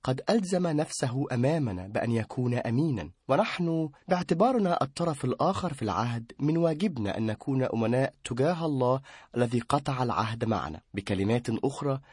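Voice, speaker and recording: A man explains a theological point in an earnest, formal way. His voice has a raspy edge, and the recording is dry, with no room sound around it. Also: mid-range voice, a little mellow, no room sound.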